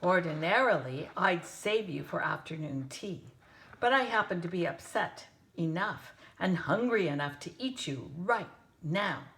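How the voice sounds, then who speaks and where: A cranky, hungry male lion out of a storybook, scolding loudly with a raised, pushed voice, as a woman reads him aloud. He rants in a lowish tone at an unhurried pace. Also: lively intonation, a little hiss or hum. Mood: menacing. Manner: loud, scolding.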